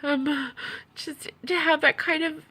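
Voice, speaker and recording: A tearful, upset woman who sounds as if she has been crying, giving a halting personal monologue in which she repeats her phrases. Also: high voice, fairly even intonation, sharp tone. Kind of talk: personal video monologue about own experiences.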